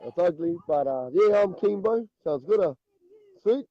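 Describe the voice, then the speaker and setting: Kiwi bloke, broad accent, highish mellow voice, earnest casual chat, dull lo-fi sound. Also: male voice, animated, measured pace, no echo. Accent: broad New Zealand. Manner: repeatedly punctuates phrases with "bro". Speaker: guest caller. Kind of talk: casual, earnest motivational talk.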